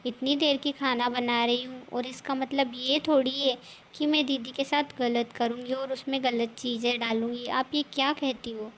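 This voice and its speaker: A woman voicing a gentle, put-upon young wife in a cartoon story. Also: sits high, level tone, moderate pace, slight background noise. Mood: pleading. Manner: pleading, gentle.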